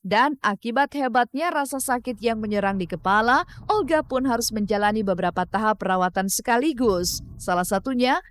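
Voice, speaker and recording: A woman's voice: mid-range voice, no echo. A woman reading a scripted celebrity gossip news voice-over in a dramatic, questioning way. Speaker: news narrator.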